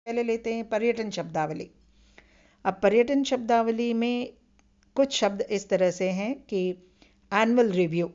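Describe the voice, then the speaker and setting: A woman teaching a vocabulary lesson, pacing herself patiently and going over each key term again. Her voice sits at a middle pitch. The recording sounds a little dull and lo-fi. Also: a little mellow. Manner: patient, repeats key terms with reminders to remember. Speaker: Hindi lecturer. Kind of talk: recorded online lecture.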